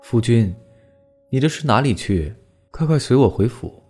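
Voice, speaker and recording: A man's voice: medium pitch, animated, normal speed, darkish tone, husky, faint music behind. A man voicing a young female ghost spirit who was wronged, speaking in a plaintive, sobbing and reproachful way. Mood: pleading.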